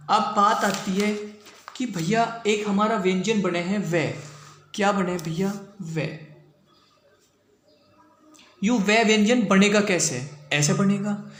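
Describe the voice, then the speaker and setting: A man's voice: sits high, a bit bright. A man teaching a shorthand class step by step, reciting syllables one at a time and calling his students brother. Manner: slow, calls students "bhaiya" and "bhai". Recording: echoey room with faint ambience.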